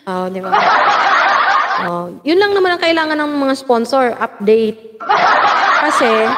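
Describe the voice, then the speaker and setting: A woman from the Philippines hosting a casual livestream, laughing often and gossiping as she reads out viewer comments and shout-outs. She has a lingering cough. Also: on the high side. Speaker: livestream host. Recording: long reverb, loud background noise.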